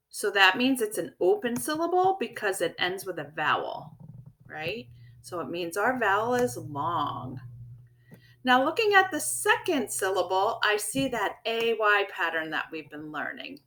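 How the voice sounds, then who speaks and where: A woman teacher giving a recorded vocabulary lesson to young children, explaining clearly and encouragingly and checking in with "right?" and "okay?". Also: medium pitch, sharp tone. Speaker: elementary school teacher.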